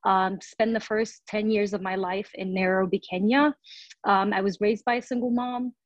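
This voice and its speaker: A woman's voice: mid-range voice, steady tone, moderate pace, dry recording. A woman in her thirties, from Somalia, answering interview questions as a city council candidate, earnest and full of "um" fillers and restarts. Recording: dull lo-fi audio.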